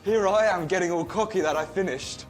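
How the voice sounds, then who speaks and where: A man's voice: high-pitched, fairly quick, music in the background. A young man cooking on his father's cooking show, joking and teasing his brother. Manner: cheeky, teasing. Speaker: chef's son cooking on the show. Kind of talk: casual banter in a kitchen.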